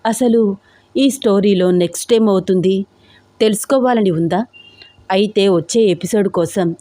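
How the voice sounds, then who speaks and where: A woman's voice: medium pitch, measured pace, warm tone, dry recording. A woman narrating a dramatic audio story as storyteller, in a flowing, dramatic way.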